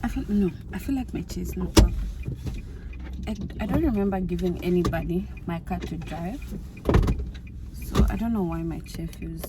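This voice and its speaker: A woman's voice: fairly low pitch, normal speed, pauses often. A young woman chatting effusively to her viewers from inside her car. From Zambia. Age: young adult. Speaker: YouTuber. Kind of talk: casual vlog chat while driving. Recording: loud car and road noise.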